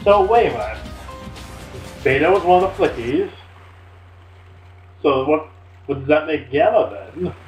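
A young man commentating gameplay in casual chat, excitable and loud, laughing often. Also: fairly high pitch, measured pace, pauses often. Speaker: let's play commentator. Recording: echoey room with faint game music. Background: faint game music.

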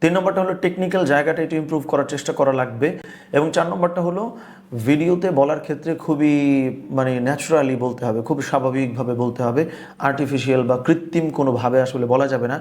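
Fast-talking young man giving casual advice. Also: on the high side, darkish tone. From Bangladesh. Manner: conversational, mixes English words into speech. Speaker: business and productivity coach. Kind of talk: casual advice talk to camera.

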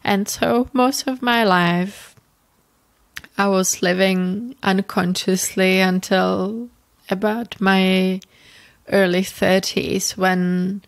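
A Czech woman in her thirties speaks in English with a Czech accent, slowly and with a flat, even melody. Her voice carries a gravelly fry, and it is recorded close and dry. She tells a personal story gently, often circling back and repeating phrases. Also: medium pitch, no echo. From Czech Republic. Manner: reflective, gentle, with frequent restarts and repetitions. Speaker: podcast host.

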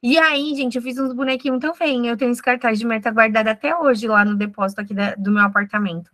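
Lady teaching finance on a video call, bright voice, dry sound, kinda high, blunt and lively. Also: quick pace, no echo. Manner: frank, energetic, fires off questions. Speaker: finance trainer. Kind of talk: online group class.

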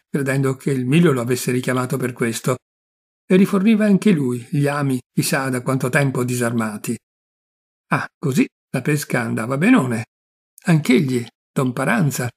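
Gravelly male audiobook narrator. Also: medium pitch. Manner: measured, expressive storytelling. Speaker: audiobook reader. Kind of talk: literary narration.

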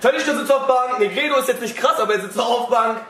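A young man doing a live football match reaction, excitable, cursing and often shouting at the screen. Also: very high voice, fast, roomy sound, a little hiss or hum.

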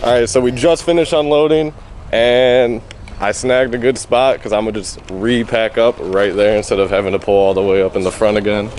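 A young man in his twenties talking casually to a handheld camera at arm's length as a vlogger, relaxed and rambling, in his car and around an event hall. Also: fairly low pitch, normal speed, over music. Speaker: vlogger and vintage clothing seller. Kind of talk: casual vlog talk to camera.

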